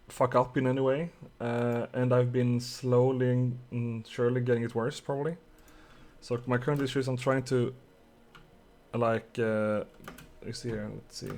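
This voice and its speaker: Gravelly Swedish man streaming game dev. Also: medium pitch, a little mellow. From Sweden. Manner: muttering while coding, swearing, chatting with viewers. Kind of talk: casual live-coding stream.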